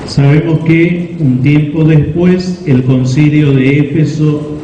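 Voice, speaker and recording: A man preaching a homily in a deliberate, didactic way, pausing between phrases as he explains. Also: fairly high pitch, steady tone, warm tone. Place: large reverberant church. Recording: echoey church hall, slightly muffled, faint noise.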